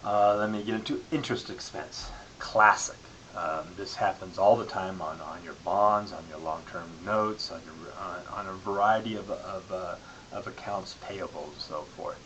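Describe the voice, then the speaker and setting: Male lecturer, lowish voice, explanatory delivery with repeated phrases, hissy recording. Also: normal speed, a bit bright, poor audio. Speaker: accounting lecturer. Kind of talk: classroom-style lecture. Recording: clearly audible background hiss.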